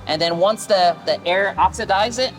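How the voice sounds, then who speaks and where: A man's voice: high voice, moderate pace, fairly bright tone, soft background music, rough recording. A man working in a fish market, explaining the work plainly in a cold processing room. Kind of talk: casual explanation.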